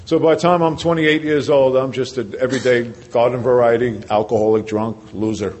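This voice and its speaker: New man at a podium sharing his recovery story, repeating phrases and questioning the room, average pitch. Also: steady tone, brisk, a little mellow. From New Jersey. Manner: earnest storytelling with rhetorical questions and repetition. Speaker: recovery speaker. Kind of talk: personal recovery story told to a meeting.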